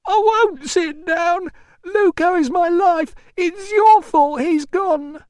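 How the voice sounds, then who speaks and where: In an audiobook, a male narrator voices an enslaved mother as a very high, tearful young woman. She's distraught and bitter, wailing accusations in hysterical rage at normal speed. The recording is close and dry with no echo.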